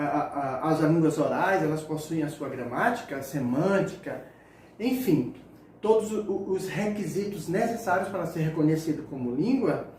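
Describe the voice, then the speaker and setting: A man teaching a sign language lesson, speaking haltingly and repeating words as he demonstrates signs. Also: sits high, darkish tone. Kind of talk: spoken lesson explaining signs. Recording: echoey distant mic with faint room noise.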